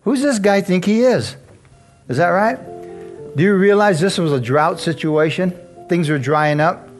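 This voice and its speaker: A man's voice: high voice, unhurried, soft background music. Chatty preacher man. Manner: conversational, chuckling, asks congregation questions. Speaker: pastor. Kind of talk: sermon.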